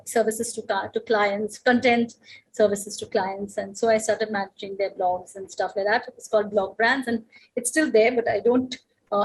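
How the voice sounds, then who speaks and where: A middle-aged woman from India speaks on a video call, in a husky voice pitched a little high. She chats freely, with plenty of fillers and restarts. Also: poor audio. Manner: chatty, with many fillers and restarts. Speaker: guest speaker.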